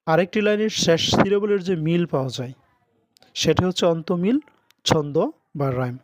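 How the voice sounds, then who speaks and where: A man teaching an English lesson, reading English lines slowly and translating them into Bengali. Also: a little high, dry recording. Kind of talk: recorded lesson.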